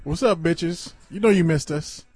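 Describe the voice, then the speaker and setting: A man's voice: on the high side, moderate pace, darkish tone, faint music behind. A man co-hosting a podcast with casual, swear-heavy banter. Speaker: podcast co-host.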